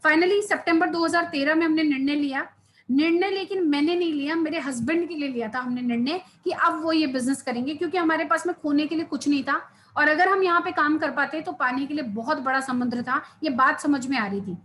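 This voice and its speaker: A woman's voice: high-pitched, brisk, a bit bright, a little hiss or hum. A woman, giving an earnest personal testimony at a seminar and speaking straight to the audience. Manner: earnest storytelling, addressing the audience directly.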